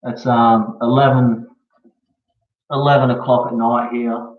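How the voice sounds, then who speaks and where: A man's voice: mid-range voice, little pitch movement, a little slow. Echoey, distant, laid-back Australian guy. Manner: laid-back slangy talk, often ending on "eh" and "bro". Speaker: live streamer. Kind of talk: casual live stream chat. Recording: dull echoey room, far from mic.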